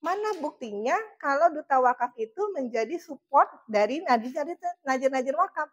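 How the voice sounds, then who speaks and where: Woman trainer, high voice, emphatic casual motivational talk. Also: animated, moderate pace, a bit bright, highs cut off. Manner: chatty, emphatic, laughs often. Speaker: motivational trainer for charity fundraisers.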